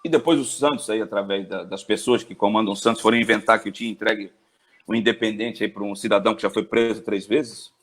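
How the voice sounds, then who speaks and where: A Brazilian sports journalist in his forties tells his story during an interview. He talks fast, and his pitch swings in an animated way.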